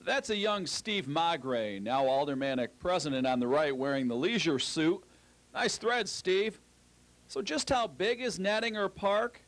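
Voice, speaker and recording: A man's voice: a little high, animated, normal speed, few pauses, fairly bright tone. A man reporting a light feature story for TV news, joking and wry, partly from outdoors in a small park.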